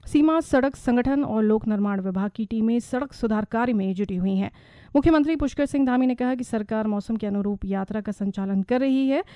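A woman reading a regional radio news bulletin in a steady, measured, formal manner. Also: fairly high pitch, dry recording, studio quality. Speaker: news reader. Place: radio studio.

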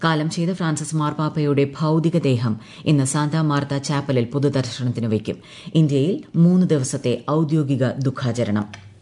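A woman reading a formal news bulletin in a measured way, letting her sentences fall at the ends. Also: low-pitched, warm tone. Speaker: newsreader.

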